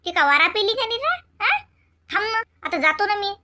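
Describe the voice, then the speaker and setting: A woman voicing a caring adult sister in an animated comedy, chattering and fussing with a Varhadi Marathi accent. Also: very high voice, normal speed, noisy background.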